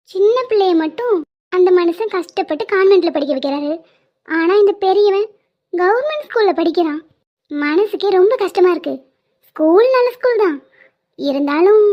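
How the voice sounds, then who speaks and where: A woman voicing a worried working-class mother in a cartoon. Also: very high voice. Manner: earnest, weary, worried. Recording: dull lo-fi sound.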